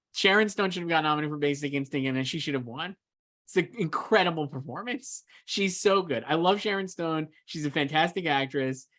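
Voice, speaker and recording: This man, a bit high-voiced with a fairly bright tone, co-hosts a laid-back film awards discussion. He's enthusiastic and opinionated, hammering his points home.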